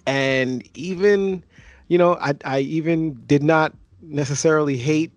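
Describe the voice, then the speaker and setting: A man's voice: fairly high pitch, steady tone, a little slow, no room sound. Man rambling through a casual movie review. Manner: rambling, self-correcting. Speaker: podcast co-host.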